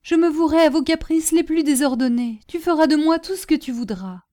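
A passionate young courtesan throws herself into every plea, high-pitched and loud with urgency in an audiobook drama. A woman performs her with a mellow warm tone under the fire. She sounds ready to do anything. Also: brisk, lightly acted. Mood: desperate pleading. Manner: pleading, impassioned, crying out. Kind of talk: audiobook character reading.

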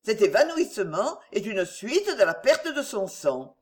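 A woman voicing a calm, phlegmatic middle-aged mother who speaks in a composed way. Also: mid-range voice, a little slow. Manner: composed, unruffled.

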